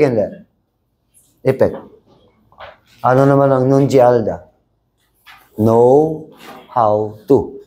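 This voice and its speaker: A man's voice: medium pitch, mellow. A man teaching a Korean exam review class, mixing Tagalog and English and having the class repeat lines together. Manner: drills class in chorus, switches between Tagalog, English and Korean. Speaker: language teacher.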